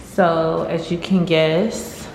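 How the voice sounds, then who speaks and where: A woman's voice: sits low, level tone, extremely slow, creaky, background noise. A woman giving a chatty, informal apartment tour to her viewers, her voice carrying a big hall echo from an empty unfurnished apartment. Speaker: vlogger. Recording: echoey empty room with faint music.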